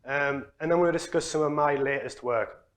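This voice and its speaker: A young man from Newcastle, giving a relaxed, chatty conference talk as a researcher. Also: a little high, moderate pace. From Newcastle, England. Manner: relaxed, chatty, self-deprecating. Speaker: exercise physiology researcher. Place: conference hall.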